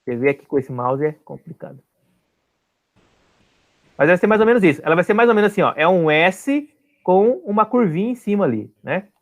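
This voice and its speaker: A man's voice: high-pitched, big pitch swings, fairly quick, pauses often. A man teaching an online class, explaining step by step and often checking that his students follow.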